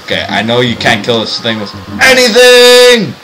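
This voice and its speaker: A man's voice: medium pitch, wildly swooping pitch, moderate pace, pushed and bright. A young man joking and punning in casual let's play commentary while playing a game. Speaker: gaming co-commentator. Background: game music.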